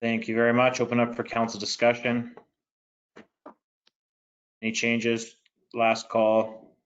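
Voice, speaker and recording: A man chairing a municipal council meeting in a flat, monotone way, reading items and calling votes. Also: medium pitch, unhurried, muffled recording, slight background noise. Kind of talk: formal meeting procedure.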